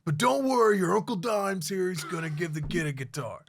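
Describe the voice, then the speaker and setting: Man putting on a swaggering loud rocker uncle, high shouted drawl, gravelly. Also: expressive, brisk, slight background noise. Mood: boastful. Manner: shouted, drawled, over-the-top wrestler-like bravado.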